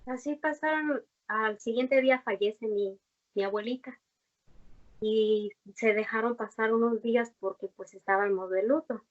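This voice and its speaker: A woman's voice: fairly high pitch, measured pace. A young woman gives a heartfelt personal faith testimony in conversation, earnest and rambling, with many fillers and restarts. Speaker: guest giving a faith testimony. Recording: dull lo-fi recording.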